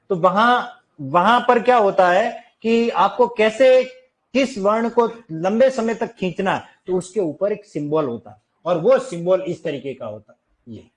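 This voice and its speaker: A man teaching a classroom lecture, lively and questioning, stretching and singing out examples for his students. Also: sits high.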